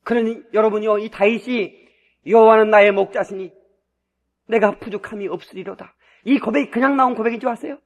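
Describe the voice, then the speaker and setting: A male pastor preaching a sermon with fervor. He swings between quiet asides and loud, shouted peaks, and he chuckles often as he makes his points. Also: high-pitched, steady tone, brisk.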